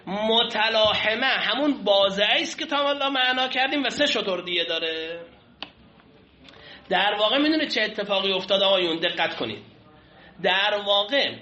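Guy teaching a class, high sharp voice, keeps asking the students questions, echoey muffled room. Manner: explains step by step, often asks the class questions. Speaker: seminary teacher. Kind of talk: classroom lecture on Islamic law texts. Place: classroom with a whiteboard. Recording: echoey, dull lo-fi classroom recording.

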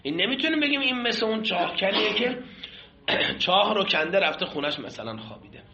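A man's voice: sits high, sing-song, noisy background. A man teaching a seminary class on Islamic law, explaining a classical text and putting questions to his students. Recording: echoey room, dull lo-fi sound.

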